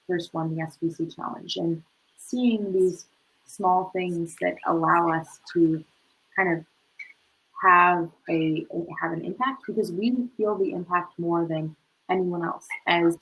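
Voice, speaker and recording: A young woman answers a panel question in earnest, broken-up phrases. Her voice is slightly low and breathy-husky. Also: fairly even intonation, fairly bright tone, poor audio. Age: young adult. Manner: earnest, speaks in short phrases with pauses.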